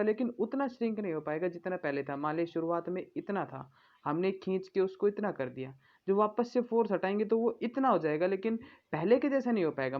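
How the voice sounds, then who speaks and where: A woman teaching physics who reads English definitions slowly and explains them in Hindi, often checking in with her students. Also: lowish voice, lo-fi sound. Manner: checks in with "ठीक है ना". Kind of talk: exam-prep lesson.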